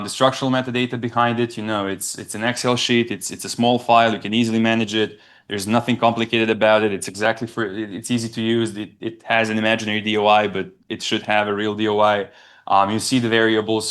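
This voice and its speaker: A young Serbian man presents research at a conference, speaking haltingly and often restarting and repeating words. His voice is on the low side with a fairly bright tone.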